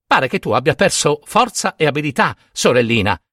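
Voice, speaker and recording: Brief: taunting, sly young male sun god, lively swooping delivery, put on by a male storyteller, dry close sound. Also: a little high, brisk, no echo, heavily acted. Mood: sly teasing. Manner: teasing, gloating.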